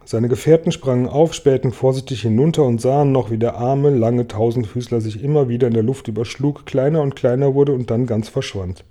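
A man reading a children's book aloud, with expressive storytelling. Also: mid-range voice, brisk, few pauses. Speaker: reader.

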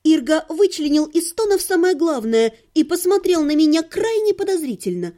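A woman's voice: high voice, big pitch swings, normal speed, mellow. A woman reading a humorous fantasy audiobook in the first person, with a wry, ironic manner. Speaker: audiobook narrator.

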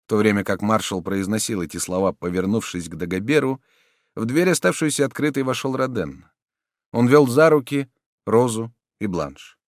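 Male audiobook narrator, measured, dramatic, dry close sound. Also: lowish voice, lively intonation, dry recording. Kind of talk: scripted literary narration.

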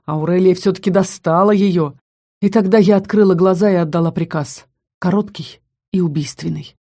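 A woman narrating a fantasy audiobook in an expressive, dramatic reading style that slows for tense lines. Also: fairly low pitch.

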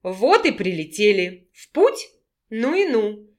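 A woman's voice: medium pitch, big pitch swings, takes it slowly, darkish tone. Woman reading a fierce young heroine. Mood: tense. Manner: firm, curt replies.

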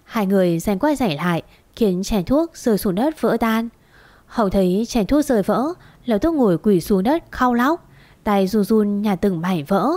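A woman storyteller narrating a romance story in a steady, even manner. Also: medium pitch, moderate pace.

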